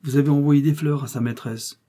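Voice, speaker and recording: A man's voice: on the high side, steady tone, a little fast, mellow, voice pushed up, close to an everyday voice. A man voicing a severe, formal viscount. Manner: formal and unbending. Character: formal, severe male aristocrat acting as a duel second. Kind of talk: audiobook character reading.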